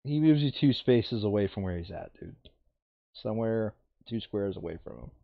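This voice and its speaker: This board game player has a gravelly, fairly low voice and delivers the enemy moves animatedly at a moderate pace, explaining rules with instructive insistence. There's no echo, though the lo-fi mic gives a dull sound.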